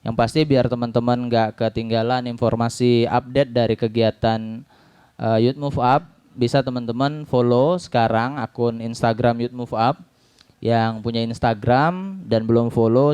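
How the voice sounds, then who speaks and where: A man's voice: medium pitch, steady tone, a little slow, a little mellow, smooth, no echo. A man hosting a talk event, wrapping up with announcements and frequent hesitations. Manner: hesitant with fillers. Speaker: event host. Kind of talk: closing announcements.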